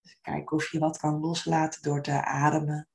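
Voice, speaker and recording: A woman leading a guided meditation in a soft, soothing manner, with gentle, unhurried phrasing. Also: low voice, little pitch movement, gravelly.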